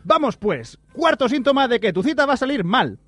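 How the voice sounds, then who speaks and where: A man presenting his own segment on a comedy radio show, deadpan and mock-complaining. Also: extremely high pitch, fairly quick, breathy edge, faint music behind.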